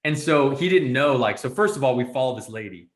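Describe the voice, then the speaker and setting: A man hosting a podcast, telling stories in a lively, casual way, full of "like" and "you know". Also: mid-range voice, a little fast, reverberant. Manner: animated storyteller, peppered with "like" and "you know". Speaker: podcast host. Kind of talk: casual conversational storytelling.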